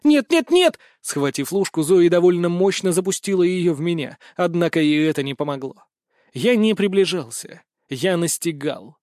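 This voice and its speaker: A man narrating a first-person story in an even storytelling voice. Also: fairly high pitch, moderate pace, no echo, clean studio sound. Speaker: audiobook narrator.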